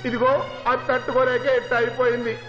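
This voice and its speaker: A man's voice: very high-pitched, completely flat delivery, quick pace. An actor playing a blustering, hot-tempered older grandfather who barks in a comic family film. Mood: mocking. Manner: blustering, barking. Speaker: head of the household. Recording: dull lo-fi film soundtrack with music.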